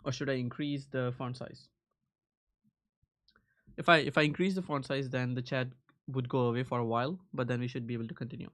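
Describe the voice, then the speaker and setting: Guy doing a casual coding livestream, mid-pitched voice. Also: steady tone, brisk, long pauses, fairly bright tone. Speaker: live coding streamer, host.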